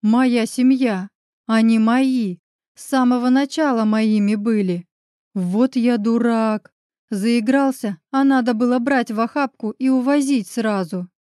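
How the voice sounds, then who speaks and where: A woman's voice: mid-range voice, fairly even intonation, warm tone, dry recording, studio quality, lightly acted. A woman reading as a shaken young father. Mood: overwhelmed. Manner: slow, emotional, halting.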